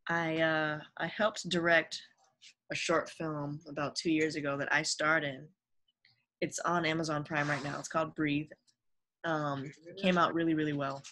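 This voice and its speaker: A woman's voice: low voice, level tone, moderate pace, fairly bright tone. A young adult woman, a guest on a podcast, talking casually and earnestly about her career and giving upbeat advice. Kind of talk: casual interview chat.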